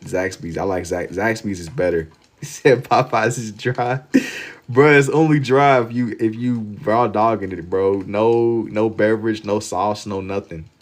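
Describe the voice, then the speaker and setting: An American man from Louisville, Kentucky hosts a livestream, chatting casually with viewers while he draws. His voice sits on the low side and moves at a measured pace. He sounds amused, uses plenty of slang, and often repeats phrases for emphasis.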